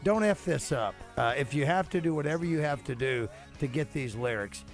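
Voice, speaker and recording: A man's voice: medium pitch, lively intonation, normal speed, faint music behind. A man co-hosting radio with folksy, repetitive, informal banter. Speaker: radio co-host.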